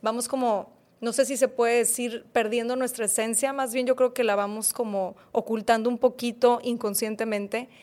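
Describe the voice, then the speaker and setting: A young woman hosting a podcast, her voice sitting a touch higher than most. She backs her guest with quick affirmations and asks open, searching questions. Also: steady tone, darkish tone. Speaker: podcast host. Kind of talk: conversational interview.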